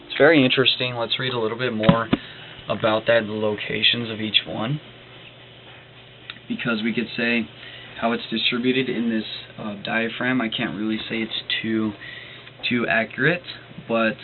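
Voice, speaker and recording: Hesitant man on a tinny phone-like line. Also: lowish voice. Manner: hesitant, with many fillers and restarts; earnest and enthusiastic about the subject. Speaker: reader explaining a book. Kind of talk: reading aloud with spoken commentary. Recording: tinny phone-like recording with faint noise.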